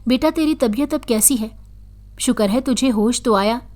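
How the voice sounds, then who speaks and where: A woman's voice: on the high side, normal speed, a little mellow, lightly acted. Woman doing an anxious worried mother. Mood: relieved. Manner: pleading, anxious. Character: worried, frightened middle-aged mother.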